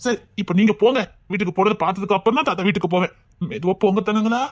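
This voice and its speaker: A performer with a Tirunelveli accent playing a tender, doting old grandfather in a comedy skit, talking slowly and fondly. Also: mid-range voice, darkish tone, dry recording, clean studio sound, natural voice. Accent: Tirunelveli Tamil. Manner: slow, fond and pleading, breaking into sobs. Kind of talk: skit acting.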